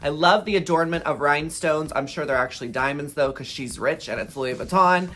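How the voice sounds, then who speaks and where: A man's voice: fairly high pitch, fairly quick, fairly bright tone. A man with the campy, sassy manner of a drag queen, co-hosting a casual fashion review with slangy, dramatic emphasis. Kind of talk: casual red-carpet fashion commentary.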